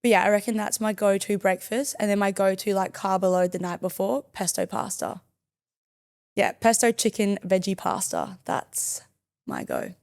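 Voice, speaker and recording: A young American-born woman guests on a podcast, chatting in an upbeat, easygoing way and laughing often during the casual interview. Recorded on a studio podcast mic, her voice is medium-pitched, creaky and darkish, with lively intonation at a moderate pace.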